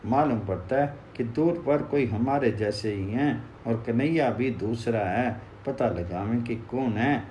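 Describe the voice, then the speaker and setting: A man narrating a devotional story in a slow, expressive way, recorded in an echoey room with faint ambience. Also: medium pitch, slight background noise.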